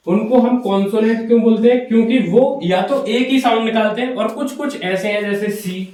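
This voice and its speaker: High-voiced male teacher in an echoey classroom. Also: darkish tone, distant mic. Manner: explains step by step, asks and answers his own questions. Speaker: English teacher. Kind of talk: classroom grammar lecture. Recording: very echoey room, voice from afar.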